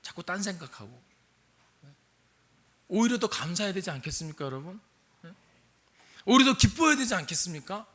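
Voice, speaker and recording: A man's voice: high-pitched, sing-song, normal speed, long pauses, fairly bright tone. An older man, a missionary pastor, preaching a sermon and asking his congregation questions. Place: church sanctuary.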